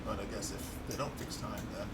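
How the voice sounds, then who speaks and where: A man's voice: fairly low pitch, fairly even intonation, a little fast, far from the mic. A man giving casual, playfully mocking commentary while he plays a video game. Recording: off-mic, with clear game noise behind.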